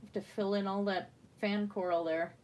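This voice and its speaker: A woman's voice: mid-range voice, steady tone, normal speed, a little mellow. A woman with a slightly wheezy breath, chatting casually as she hosts an art livestream. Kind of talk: casual chat while painting.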